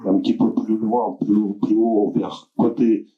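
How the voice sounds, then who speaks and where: A man hosting a literary evening, introducing the speakers in a halting way, with many filler sounds and restarts. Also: fairly low pitch, level tone. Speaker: event host introducing speakers. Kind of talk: hesitant spoken introduction. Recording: dull lo-fi room recording.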